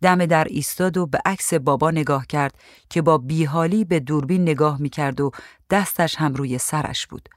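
A woman reading a story aloud in a calm, even voice. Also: low voice, dry recording, clean studio sound. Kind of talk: storybook narration.

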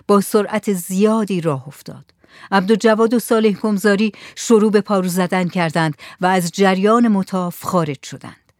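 An audiobook narrator reads a story in a steady, measured way. The voice sits at a middle pitch and sounds close and dry, with no room echo. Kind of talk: scripted narration.

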